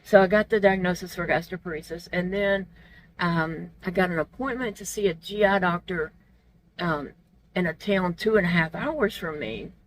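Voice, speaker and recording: A woman with soft, toothless, gummy articulation, feeling unwell, chatting candidly and casually to her vlog viewers. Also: mid-range voice, slight background noise, low-quality recording. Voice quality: toothless, gummy articulation from not wearing teeth. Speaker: vlog host. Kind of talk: casual personal vlog chat.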